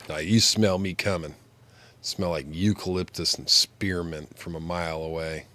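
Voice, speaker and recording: Low-voiced, stuffed-up man with a pinched-nose sound. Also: sharp tone, no echo. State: sick with flu, stuffed-up sinuses. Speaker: game streamer. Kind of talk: casual livestream chat while gaming.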